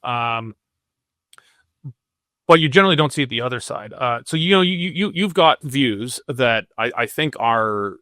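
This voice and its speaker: A man's voice: medium pitch, expressive, normal speed, pushed and bright, no room sound, clean studio sound. A man conducting a news interview, hesitant, with many fillers and restarts.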